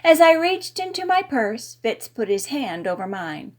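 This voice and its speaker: A woman narrating a first-person story in an expressive, playful way. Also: on the high side, a little slow.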